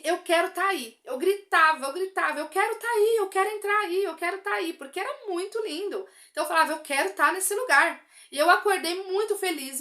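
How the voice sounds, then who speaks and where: A woman's voice: high-pitched, sharp tone. A Brazilian Portuguese woman giving an earnest religious testimony, speaking straight to her listeners and repeating phrases for emphasis.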